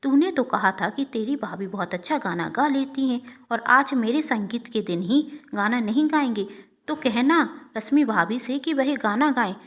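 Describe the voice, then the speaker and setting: A woman's voice: on the high side, expressive, moderate pace. A woman voicing a young bride-to-be who pleads insistently, in a read-aloud family story. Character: young bride preparing for her wedding.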